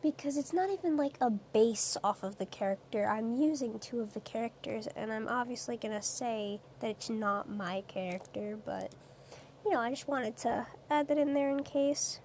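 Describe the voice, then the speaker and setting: High-voiced young woman rambling late at night. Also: normal speed, a little mellow, a little hiss or hum. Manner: rambling, hesitant, many fillers. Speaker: streamer.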